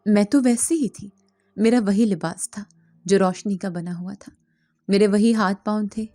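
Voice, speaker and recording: A woman narrating a first-person horror story in a slow, dramatic scripted style. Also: medium pitch, mellow, no echo. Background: faint background music.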